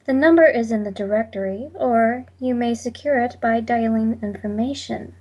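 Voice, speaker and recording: An actress playing an impassive telephone operator, speaking with measured, formal politeness in 1940s radio drama style. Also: female voice, fairly high pitch, darkish tone, dull audio, natural voice. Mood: detached, polite. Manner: measured, detached, scripted politeness.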